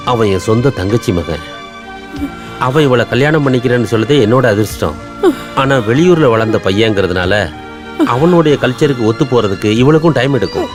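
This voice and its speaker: An actor playing a wealthy father who calmly reassures those around him about his mute daughter. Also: medium pitch, brisk, lightly acted. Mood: gentle. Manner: calm, reassuring. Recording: film soundtrack with loud music.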